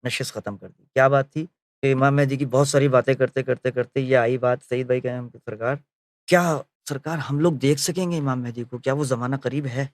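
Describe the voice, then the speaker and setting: With a steady tone in a mid-range voice, a man relates memories of a spiritual leader as a spoken narrative and acts out the quoted talk. Frequent filler pauses and self-corrections mark his delivery, recorded dry.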